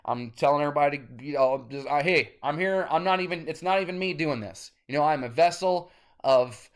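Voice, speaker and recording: A man in his thirties, an independent musician, talking straight to camera in a rambling, cursing vlog rant that turns loud and insistent. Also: a little high, fairly quick. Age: 30s.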